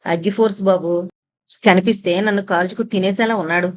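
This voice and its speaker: A woman's voice: medium pitch, steady tone, fairly quick, close to an everyday voice. A woman voicing a cheerful, jokey young man who jokes and pleads. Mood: joking. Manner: joking, pleading.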